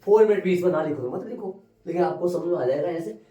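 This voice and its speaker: Male maths teacher, high voice, repeats steps and quizzes pupils; far mic, roomy classroom. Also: animated, fast talker, warm tone. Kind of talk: classroom lesson at a board.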